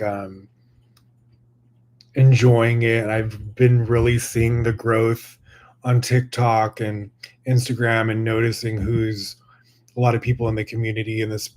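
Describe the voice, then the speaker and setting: A young man talks loosely and warmly to his listeners, piling up fillers and restarts. His voice sits at an ordinary middle pitch. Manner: gushing and rambling, many fillers. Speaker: podcast host. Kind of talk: casual spiritual podcast talk.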